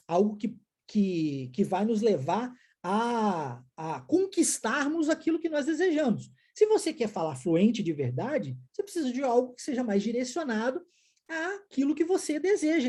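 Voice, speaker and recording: Lively, husky-voiced male English teacher. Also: very high-pitched. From United States. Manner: explanatory, keeps checking in with the viewer. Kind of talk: online language lesson.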